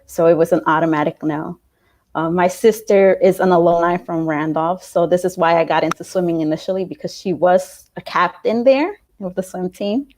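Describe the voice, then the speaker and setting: A woman in her late twenties from New York City, talking in a casual interview about her school days, thoughtful, with frequent fillers and soft laughs. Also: lowish voice, moderate pace. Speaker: interview guest, alumna.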